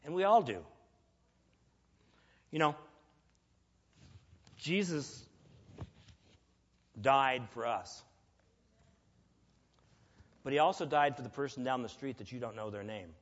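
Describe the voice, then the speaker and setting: A man preaching a sermon in a church, earnest and emphatic, telling a personal story with pauses. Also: mid-range voice, expressive. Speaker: lay preacher. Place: church sanctuary. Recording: echoey church hall, dull lo-fi.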